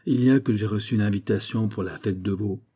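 A man's voice: medium pitch, steady tone, fairly quick, warm tone, natural voice. A man voicing gloomy Porthos. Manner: mournful, earnest. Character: plump proud male nobleman, gloomy.

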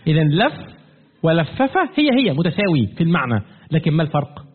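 A man's voice: fairly high pitch, big pitch swings, quick pace, slightly rough. A man teaching a classroom lesson, quizzing his students with constant questions and demonstrating with repeated emphatic words. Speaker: teacher of Quran commentary. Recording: tinny phone-like classroom recording.

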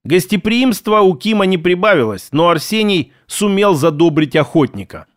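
A man's voice: sits high, lively intonation, moderate pace, no echo. Man narrating a story, dry close sound. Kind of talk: first-person audiobook narration.

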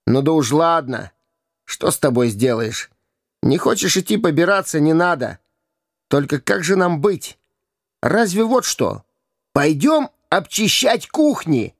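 A cunning vagabond boy who mocks and wheedles, as a male reader puts him on. The voice sits high above the reader's own and swoops about. It comes across close and dry, with a gravelly rasp. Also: expressive, unhurried, dry recording. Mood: mocking. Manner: wheedling, jeering, pleading when begging. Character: sly mocking vagabond boy, cunning beggar.

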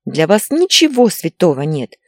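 A woman's voice: fairly low pitch, sing-song, normal speed, no room sound, studio quality. A woman voicing a hysterical, tearful pregnant young wife who whines and snaps defensively. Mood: shrill, indignant. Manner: whiny and defensive, breaks into shouting.

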